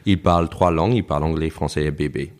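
A man's voice: extremely low pitch, quick pace. A man from the United States with an American accent, speaking French as a second language as an interview guest, reflective and anecdotal, often restarting his sentences. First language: English. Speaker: guest, author. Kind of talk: casual interview conversation.

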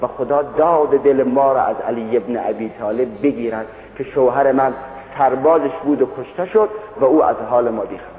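A male preacher voicing a poor, weary widowed mother of orphans, speaking in a pleading, apologetic way, in a tinny, echoey hall recording. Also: a bass voice. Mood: bitter.

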